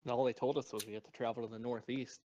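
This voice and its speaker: A man's voice: mid-range voice, little pitch movement, racing, warm tone, slight background noise. A man playing in a tabletop game, making offhand, easygoing requests, on a dull lo-fi mic. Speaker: player.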